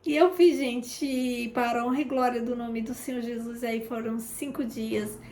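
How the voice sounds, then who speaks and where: Speaking warmly and at a normal pace, a woman shares her faith testimony during a prayer broadcast, her fairly high voice steady in tone yet gravelly with fry. As an intercessor she stays chatty, addresses listeners directly and re-enacts conversations, with a roomy echo around her.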